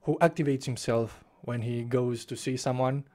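A young Romanian-speaking man reviews a book casually from his small bedroom, talking into a desk mic set in front of his face with webcam framing. His mid-range voice is warm, with fairly even intonation and a moderate pace. He's passionate, gesturing with both hands and restarting his phrases.

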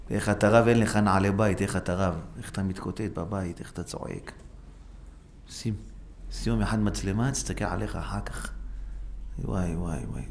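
Animated man preaching in a synagogue. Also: creaky. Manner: animated, acts out quoted voices with sharp pitch jumps; rhetorical, repetitive exhortation. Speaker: rabbi. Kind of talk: Torah lesson in a synagogue. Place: synagogue hall. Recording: faint background noise, live stream.

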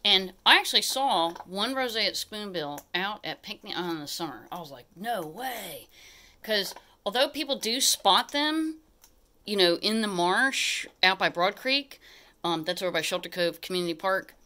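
Woman, middle-aged, bright forceful voice; chatty, easily sidetracked home-tour vlogger, recorded in a small living room. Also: mid-range voice. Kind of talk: casual rambling live narration. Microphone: handheld phone held by the person filming.

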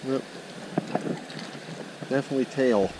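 Fishing by the creek again, the middle-aged vlogger speaks at a medium pitch, letting out excited exclamations in a folksy way. The head-mounted action camera picks up the loud noise of rushing water around him.

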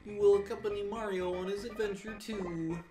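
A woman voicing a patient old male frog sage from a video game, speaking as a wise mentor in measured, formal phrases. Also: medium pitch, steady tone, natural voice. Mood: grave, kindly. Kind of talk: dramatised video game dialogue reading. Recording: music behind the voice. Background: plucked-string game music.

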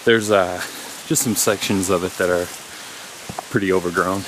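A man's voice: deep voice, fairly even intonation, normal speed, background noise. Easygoing man narrating a mountain hike. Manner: easygoing, chatty, thinks aloud with fillers. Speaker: hiker vlogger. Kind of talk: casual trail vlog narration. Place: outdoors on forested mountain trails. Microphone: action camera on a handheld pole.

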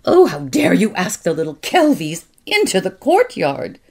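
A woman's voice: lowish voice, huge pitch swings, normal speed, darkish tone. A woman doing a cold, furious aunt. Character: stern, proud adult aunt scolding children.

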